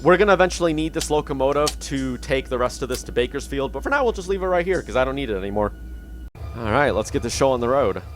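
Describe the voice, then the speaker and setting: A man's voice: mid-range voice, animated, fast, noisy background. Chatty man narrating train-sim gameplay. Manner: chatty, thinks aloud, talks to the train. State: hiccups. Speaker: gaming channel host. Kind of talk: casual gameplay commentary.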